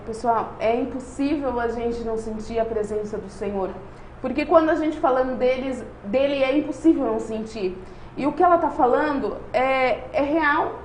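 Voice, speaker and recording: A woman with a Brazilian accent hosting a live online show, speaking fervently and reading out viewer comments. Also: sits high. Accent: Brazilian Portuguese. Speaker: host. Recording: echoey room with faint noise.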